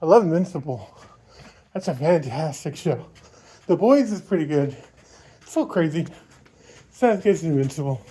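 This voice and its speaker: A man with a high voice and a soft, mellow tone records a casual vlog while running. He rambles informally through his opinions, thinking aloud as he goes. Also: expressive, moderate pace, long pauses, husky. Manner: talking while out on a run. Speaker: vlogger.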